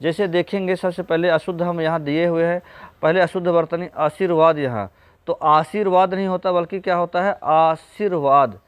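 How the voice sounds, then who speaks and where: A man's voice: on the high side, fairly even intonation, normal speed, clean tone, no room sound. A man teaching an exam-prep spelling lesson, patiently going through correct and incorrect word forms and addressing viewers as friends.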